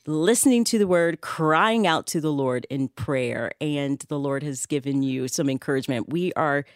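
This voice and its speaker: Low-voiced woman hosting a dry studio show. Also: no room sound. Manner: warm, affirming, encouraging callers. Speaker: radio host. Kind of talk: radio call-in show hosting.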